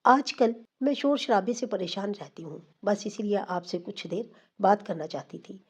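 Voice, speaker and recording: A woman voicing a distraught young wife who speaks softly and pleads. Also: medium pitch, expressive, breathy edge. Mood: gentle.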